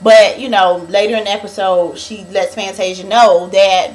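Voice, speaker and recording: A woman's voice: mid-range voice, fairly even intonation, moderate pace. A young woman recapping a reality show in a chatty, dramatic gossip style, calling her viewers honey.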